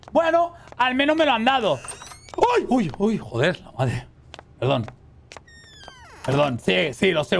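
A man playing a horror game as a streamer, chatting casually with his viewers, swearing and yelling at the scares. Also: high-pitched, gravelly, slight background noise. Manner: excitable, swears and shrieks at scares, talks to chat. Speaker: gaming streamer. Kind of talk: casual let's-play commentary.

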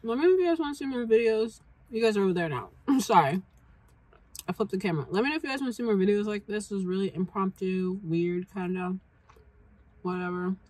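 A woman's voice: medium pitch, fast talker, darkish tone, no room sound, rough recording. A young woman vlogger chatting casually while taste-testing snacks, talking with her mouth full at times. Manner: chatty, talks while eating. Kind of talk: casual food taste-test chat. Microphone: camera mic.

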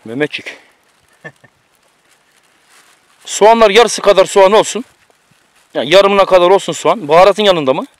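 High-voiced man giving bossy outdoor instructions. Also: normal speed, long pauses, no echo. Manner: bossy, teasing running commentary. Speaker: outdoor cooking vlogger. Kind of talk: casual outdoor chat, instructing a friend. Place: outdoors on a mountain.

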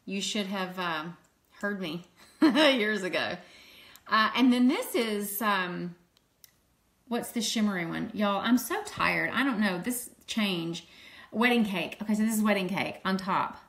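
A medium-pitched, animated, slightly bright voice belongs to a woman in her fifties from Louisiana, selling makeup on a casual livestream at a measured pace. With a mild Southern accent, she greets viewers and laughs readily from her home table, her phone camera close up.

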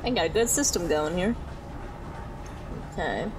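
A woman giving casual let's-play commentary while she plays, muttering to herself with quick frustrated outbursts. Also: fairly low pitch, expressive, background noise. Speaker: gaming YouTuber. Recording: game music behind her voice. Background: game music.

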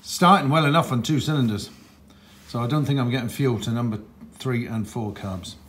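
With a fairly bright, medium-pitched voice at a moderate pace, a man addresses the camera as he repairs a motorcycle in his garage. He mutters his thoughts aloud and grows frustrated, and there's a little hiss or hum on the audio.

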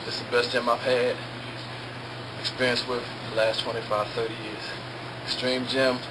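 A middle-aged man giving a measured, deliberate testimonial as a gym member, in an indoor gym. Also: medium pitch, flat delivery, heavy background noise.

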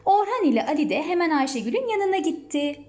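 A woman reading a children's story aloud in a lively, expressive storytelling manner. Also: very high voice, quick pace.

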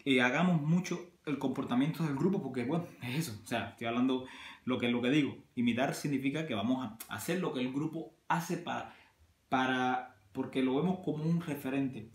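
A man's voice: medium pitch, normal speed, echoey room. A man from Cuba with a Cuban Spanish accent, talking casually to his viewers and piling up examples as he goes. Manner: conversational, many restarts and examples. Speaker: vlogger. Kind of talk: casual talk to camera.

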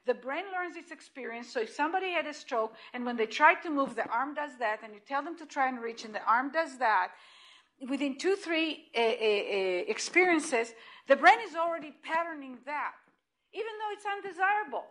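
A middle-aged woman with an Israeli accent gives an animated lecture presentation at hospital grand rounds, captured by a distant camera in a room. Her voice is high and her pace normal, and she's emphatic, restarting sentences and repeating her points.

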